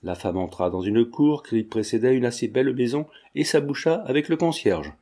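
A man narrating a classic French novel in a steady, measured reading. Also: medium pitch. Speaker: audiobook narrator. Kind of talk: scripted narration.

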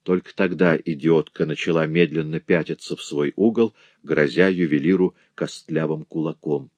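Brief: male narrator, deep voice, measured reading, dry booth sound. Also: a little mellow, no room sound. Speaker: audiobook narrator. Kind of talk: scripted narration of a novel.

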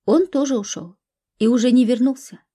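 Woman voicing a tearful naive young woman, plaintive, husky mellow voice, storybook dialogue. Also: on the high side, a little fast.

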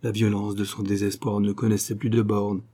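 A man narrating a classic novel as an audiobook, in a measured, expressive reading. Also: fairly low pitch.

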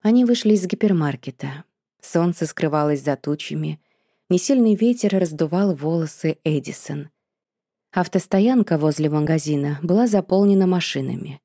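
A female audiobook narrator reads a novel in a calm, even storytelling voice. Her voice sits low, with a dark, mellow tone. The recording is close and dry, with no room sound. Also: normal speed, no room sound.

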